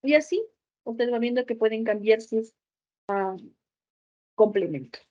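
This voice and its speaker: Woman teacher, recorded lesson, fairly high voice, muffled lo-fi sound, step-by-step explanations. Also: unhurried, dark tone. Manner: explains step by step, often checks with "¿ok?". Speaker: English teacher.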